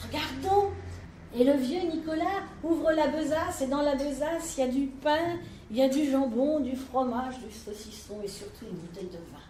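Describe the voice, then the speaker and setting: A female storyteller telling a folk tale in a lively, colloquial way. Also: sits high, moderate pace, slight background noise. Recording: roomy live room, mic at a distance.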